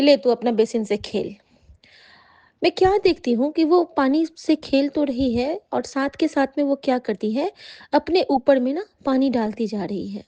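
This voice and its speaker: A woman, a devotee, recounts a dream to a congregation in halting, rambling speech with many fillers. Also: high-pitched, warm tone, no room sound. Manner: addresses listeners as congregation. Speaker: devotee sharing an experience. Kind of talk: spoken testimony of a dream. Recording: dull lo-fi recording.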